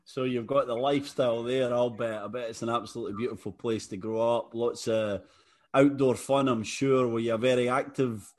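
A Scottish man, a former footballer who now hosts an interview podcast, chats casually and in a friendly, upbeat way, calling his guest "mate." His medium-pitched voice is brisk and a little mellow, with little pitch movement.

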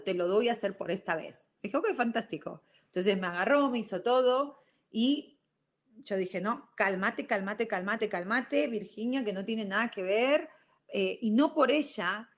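A middle-aged woman with a Rioplatense Spanish accent, hosting a show and telling a personal story in a casual monologue, mixing in English words. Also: medium pitch. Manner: animated, slips into English words. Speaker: show host.

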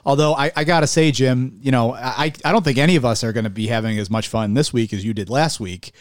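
A man's voice: medium pitch, quick pace, no room sound, clean studio sound. A man with a slightly nasal voice hosting a casual comedic podcast, upbeat and jokey. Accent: Buffalo, New York. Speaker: podcast host.

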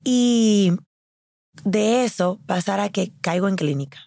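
A woman casually telling a story in a lively way, acting out what others said. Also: mid-range voice, slow pace, creaky, dry recording, clean studio sound. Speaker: guest.

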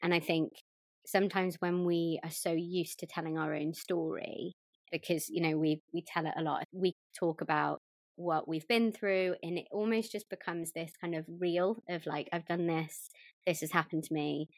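Low-voiced woman hosting a podcast. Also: fairly even intonation, moderate pace, dry recording, clean studio sound. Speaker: podcast host. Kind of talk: podcast interview.

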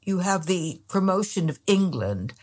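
A woman with a very low-pitched voice answers interview questions as a researcher. She speaks thoughtfully and stops often to hesitate and restart. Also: big pitch swings, measured pace, a little mellow. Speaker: guest researcher.

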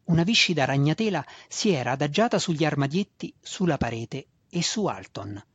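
Male audiobook narrator, steady and measured, husky tone. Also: on the high side, dry recording. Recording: dull dry lo-fi recording.

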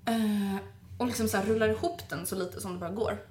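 A young woman chatting casually, telling a story in an animated way and acting out what people said, with lots of filler words. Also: mid-range voice, a little hiss or hum. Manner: animated, acts out quotes, heavy filler words.

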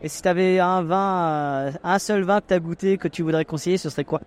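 A man's voice: high-pitched, fairly even intonation, brisk, smooth. A man hosting a podcast, chatting and teasing guests in casual interviews at an outdoor wine tasting. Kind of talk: casual vox-pop interview.

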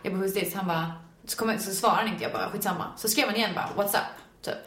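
A young woman guest chatting casually and telling stories with a giggly, animated manner, acting out her own reactions. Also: mid-range voice. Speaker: guest, video maker. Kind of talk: casual chat. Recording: roomy echo.

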